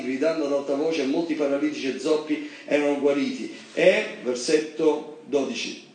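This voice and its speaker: A man preaching a sermon in an animated way, reading scripture and breaking into high emphatic bursts. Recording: very echoey hall, mic far off, faint background noise.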